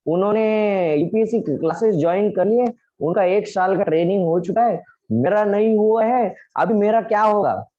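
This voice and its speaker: A man's voice: high voice, moderate pace, highs cut off, pitched above the performer's own voice, close to an everyday voice. A man voicing an anxious teenage boy student who pleads and worries.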